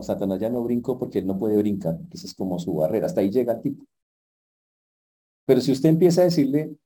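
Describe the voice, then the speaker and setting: A man preaching a sermon in a direct, humorous way, swinging from quiet asides to loud emphasis. His voice is very dark and mellow, with a husky grain. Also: medium pitch, poor audio.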